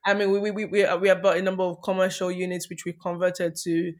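A woman's voice: lowish voice, level tone, quick pace, a little mellow. A woman talking casually as an interview guest, upbeat but often stumbling and repeating words as she explains her work. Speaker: podcast guest, property developer.

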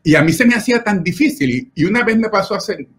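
A middle-aged man with a slightly raised pitch, speaking as a pediatric doctor in an interview. He tells his stories earnestly and with visible feeling, often checking in with short tag questions. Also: lively intonation, fast, fairly bright tone. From Puerto Rico. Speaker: pediatric nephrologist. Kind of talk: personal storytelling in an interview.

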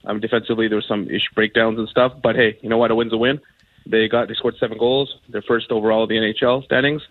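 Fast-talking man on a tinny phone line. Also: fairly low pitch, flat delivery, no echo. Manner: chatty, many ums and uhs. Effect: over the phone. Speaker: caller. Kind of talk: casual call-in chat.

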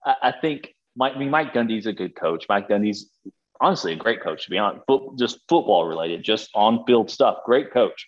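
A man in casual sports-betting chat, rambling and quick to laugh. His voice sits at an ordinary pitch, and the recording sounds dull and lo-fi, as if the mic has its top end cut. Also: lively intonation. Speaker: sports podcast co-host.

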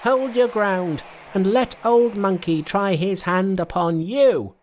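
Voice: medium pitch, slow pace, a little mellow, pitched above the performer's own voice, natural voice. A storyteller voicing a brash, boastful monkey king turned priest, cocky and taunting in a storybook tale. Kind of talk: storybook character voice.

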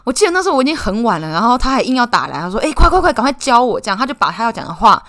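A young woman with a Taiwanese Mandarin accent hosts a casual podcast chat. She talks fast and teases her guest, her pitch leaping up and down. She laughs often. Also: sing-song, pushed and bright. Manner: teasing, quick, laughs often. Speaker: podcast host.

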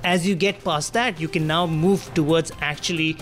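A man's voice: a little high, steady tone, normal speed, faint music behind. A man, a finance reporter, explaining news in fluent, considered conversation with hosts. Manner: fluent, considered, hedged arguments.

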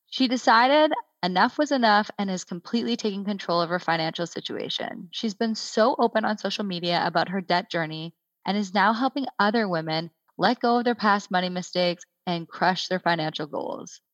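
A woman's voice: mid-range voice, no room sound, muffled recording. A woman hosting a podcast, reading a scripted introduction and asking questions in an upbeat, welcoming way. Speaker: podcast host. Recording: dry close recording with faint music.

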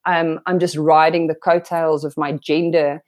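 A woman's voice: sits low, level tone, measured pace. A woman with an Afrikaans South African accent, a native Afrikaans speaker, telling her story candidly and emphatically as an interview guest. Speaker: interview guest, sports and radio broadcaster. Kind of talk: reflective conversational interview storytelling.

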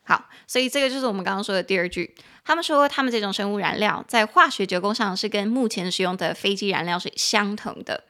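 A woman with a Taiwanese Mandarin accent hosting a casual podcast English lesson, chatty and quick to laugh. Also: a bit bright. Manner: chatty, laughs often, acts out quoted friends in a higher voice. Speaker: podcast host and English teacher.

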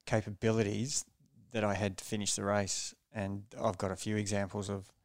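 A man recalls his racing days as a podcast guest, speaking in a measured, low-key way. His voice sits low and stays flat and even. It comes through smooth and resonant in a dry, close recording. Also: no room sound. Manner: measured and low-key, often restarting phrases. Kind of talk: reflective storytelling in a podcast interview.

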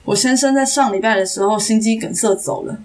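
A young Taiwanese woman, an actress guest on a podcast, telling a story in a casual, animated way and acting out the dialogue. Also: mid-range voice, a little fast. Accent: Taiwanese Mandarin. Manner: animated, acts out quoted dialogue.

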